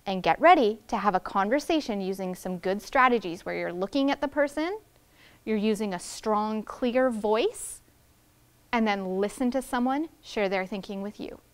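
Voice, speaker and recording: With a clear, resonant tone and lively intonation, this first grade teacher, a woman in her thirties, reads to young children in a classroom. Her pitch is medium, her speed normal, and she enunciates the big words with care.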